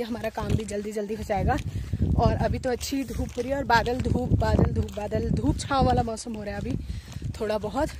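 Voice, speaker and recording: Woman, 30s, from Uttarakhand, rather high voice, chatty village vlogger talking into a phone at arm's length outdoors. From Uttarakhand, India. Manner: chatty, explains each task as she goes. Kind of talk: casual vlog narration to camera. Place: hillside fields outdoors. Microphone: phone held at arm's length.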